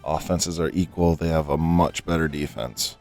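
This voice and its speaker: A very low-pitched, fading voice belongs to a middle-aged gaming host casually narrating his football video game play. His pace is moderate, his manner relaxed and wandering, heavy on fillers, and soft music can be heard behind him.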